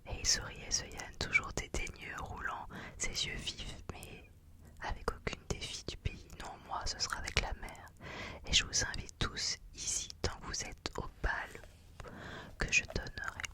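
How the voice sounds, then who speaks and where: Hushed ASMR reader, fully whispered. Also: measured pace. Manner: soft unvoiced whisper throughout, hushed like reading in a library. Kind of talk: whispered ASMR reading of a literary novel.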